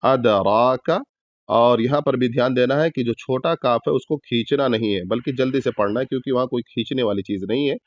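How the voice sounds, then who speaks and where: A man teaching Quran recitation step by step, patiently explaining each rule and repeating words slowly in drawn-out chant as examples. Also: medium pitch, dry recording, highs cut off. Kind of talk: step-by-step tajweed lesson.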